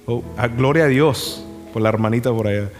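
A man preaches a sermon from the front of a church, his voice carrying a long echo off the walls. He swings from fervent, emphatic lines to relaxed, chatty storytelling asides, and soft music hangs faintly underneath. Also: mid-range voice, fairly quick. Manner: impassioned preaching mixed with folksy storytelling asides. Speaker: pastor. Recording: reverberant hall with faint music.

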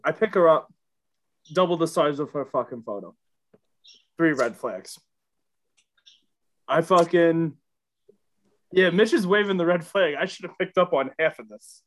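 A young man co-hosting a podcast, telling a story in a casual, animated and profane way. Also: on the high side, unhurried, pauses often. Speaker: podcast co-host.

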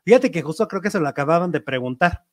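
A man with a Mexican accent hosting a casual celebrity gossip chat, lively and talkative. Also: fairly high pitch, quick pace, no echo, studio quality. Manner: chatty, lively, reads viewer messages aloud. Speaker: show host.

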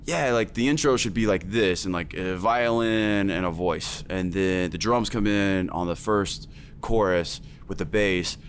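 Low-pitched and measured, this man works as both a music producer and a teacher, chatting casually but emphatically and using plenty of filler words. Slight background noise can be heard.

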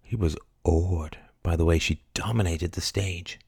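A man narrating a historical novel in a measured, lyrical storytelling manner. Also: low voice, vocal fry, a little mellow, slightly rough, dry recording, clean studio sound. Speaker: audiobook narrator. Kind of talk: scripted narration.

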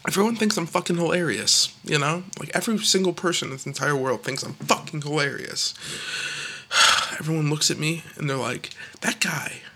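A man's voice: a little high, a little fast, bright, forceful tone, slight background noise. A young man delivering a rambling, self-deprecating comedic monologue with absurd jokes, sometimes dropping into a whisper. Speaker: comedic podcast host.

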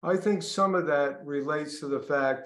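An older man with a Brooklyn accent, a podcast guest speaking reflectively with pauses and restarts. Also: fairly high pitch, a bit bright, reverberant. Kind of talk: podcast interview.

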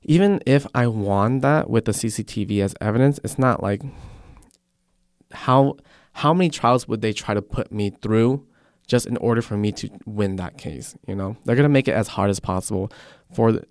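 Man, casual chat, measured explainer, smooth voice, fairly low, dry close sound. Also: a little mellow, dry recording. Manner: measured, explains his reasoning.

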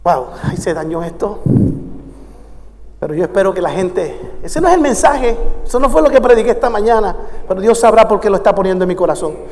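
A man's voice: sits high, animated, brisk, a little mellow. A man preaching a sermon, playful at times and building to fervent, repetitive calls. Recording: long hall reverb.

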